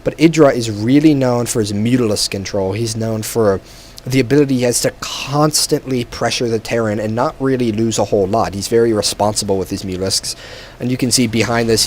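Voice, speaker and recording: Low-voiced man calling a strategy game. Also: slight background noise. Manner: relaxed, chatty play-by-play with frequent fillers. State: tired. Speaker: game commentator. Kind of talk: solo video game commentary.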